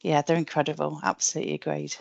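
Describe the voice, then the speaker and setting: A woman on a webinar panel speaks with enthusiasm, often repeating words as she gathers her thoughts. Her voice is low and gravelly, and the sound is dry and close. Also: level tone, quick pace, darkish tone, dry recording, highs cut off. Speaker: mental health team clinician. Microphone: video call.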